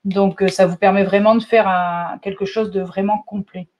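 A woman running a live shop presentation, chatty and enthusiastic, often filling pauses with little interjections. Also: medium pitch, fairly even intonation, lo-fi sound. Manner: chatty, enthusiastic, fills pauses with "hop" and "euh". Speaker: shop owner presenting new products. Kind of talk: live product demonstration.

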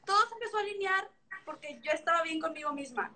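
A woman's voice: extremely high pitch, animated, fast talker, pushed and bright. A young woman with a Mexican accent, telling her story in a casual video chat and acting out remembered dialogue. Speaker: guest, former figure skater. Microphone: video call.

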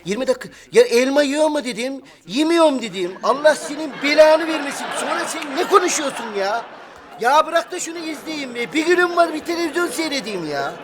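A man's voice: on the high side, lively intonation, fairly quick, a crowd in the background, close to an everyday voice. An actor playing Erman, an exasperated middle-aged husband who pleads and grumbles at his wife, in a sitcom. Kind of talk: sitcom acting. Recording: audience laughter behind. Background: studio audience laughing.

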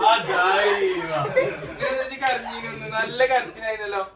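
Riding in a moving car, a young vlogger with a Malappuram Malayalam accent keeps up a chatty, teasing patter, constantly prodding with questions. He speaks at a moderate pace in a voice that sits high. The low-quality recording has a noisy crowd and loud car road noise behind him.

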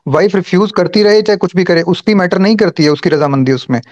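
A man's voice: high voice, quick pace, a little mellow, dry recording, muffled recording. A man in a heated online debate, insistent, arguing point by point and cutting in. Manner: insistent, interrupts, argues point by point.

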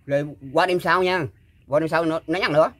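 An older man, recalling a story in casual talk and pausing often with fillers and repeated words. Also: on the high side, steady tone, crowd noise. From Mekong Delta, Vietnam. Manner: halting, full of fillers and repeats. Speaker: guest storyteller. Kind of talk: casual spoken recollection.

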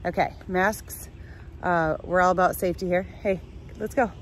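The vlog host, a woman in her forties, speaks on the low side at normal speed with fairly even intonation. Filming on a phone held at arm's length outdoors on a sunny farm, she keeps her casual travel chat upbeat and full of fillers, with slight background noise behind her.

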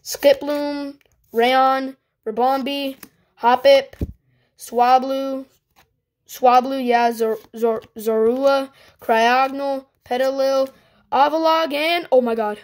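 Excitable high-voiced woman vlogger. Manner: excitable, chatty, quick mood swings. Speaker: vlogger opening trading cards. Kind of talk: casual unboxing chat.

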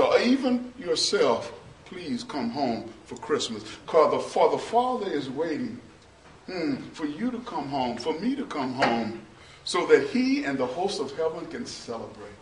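A middle-aged male pastor preaching a sermon in a small church. He preaches slowly and builds to shouting, half-sung peaks. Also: fairly high pitch, big pitch swings, a little hiss or hum. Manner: slow, preachy, rises to shouting and half-singing. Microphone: far camera, no mic seen. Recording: roomy church echo from far off.

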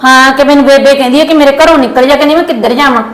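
A quarrelsome young wife, played by a woman, argues in a Punjabi accent with rapid, nagging lines. Her voice is very high and quick. The room rings with echo and a faint hiss. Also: steady tone, a bit bright. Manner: argumentative, fast, nagging. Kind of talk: village family drama. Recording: echoey room, faint noise.

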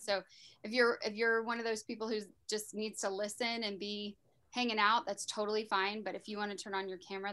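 A woman's voice: mid-range voice, fairly bright tone. A woman introducing a talk as moderator of a video call, in a friendly, loose way with many ums. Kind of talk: casual online meeting intro.

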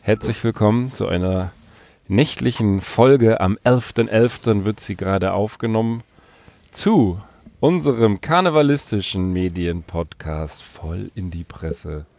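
A man with a gravelly, creaky voice hosts a loose, joking podcast chat. He is from Berlin and talks from inside a parked van, teasing his friends as he introduces them. The sound is close and dry. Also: fairly low pitch, expressive, unhurried, a little mellow, no room sound. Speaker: podcast host. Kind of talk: casual chat among friends.

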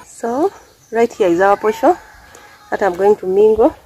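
Soft music plays behind a young Ugandan woman, Ugandan-accented, as she plainly explains each step of a casual cooking demo to viewers at a wood fire among banana plants. Her medium-pitched voice is animated yet a little slow, with a dark tone. A camera on the ground records noisy outdoor audio, her distance changing as she moves.

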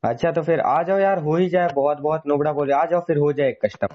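A man's voice: a little high, fairly quick, lo-fi sound. A man hosting a gaming channel, chatting casually and pleading persistently over in-game voice chat.

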